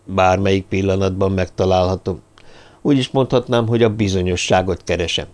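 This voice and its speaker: A man voicing a brooding, secretive drifter who speaks quietly and sparingly in an audiobook. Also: deep voice, fairly even intonation, natural voice. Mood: subdued.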